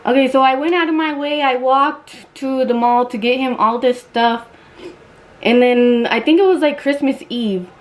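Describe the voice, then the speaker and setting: A woman's voice: high-pitched, moderate pace, rough recording. A young woman vlogger telling a storytime while getting ready, blunt and chatty, swearing freely.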